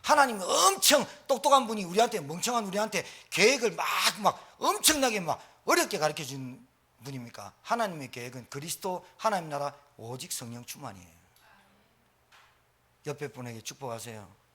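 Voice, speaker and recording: Middle-aged pastor guy preaching hard, fairly high voice that jumps all over. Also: brisk, slightly rough. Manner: animated, emphatic preaching with jokes. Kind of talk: sermon.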